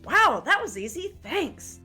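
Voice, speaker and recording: A woman's voice: extremely high pitch, sing-song, a little slow, pushed and bright, faint music behind, voice pushed up, full character voice. A woman streamer voicing a cheerful teenage girl in a perky, bouncy way. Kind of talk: streamer voicing a dating-sim character.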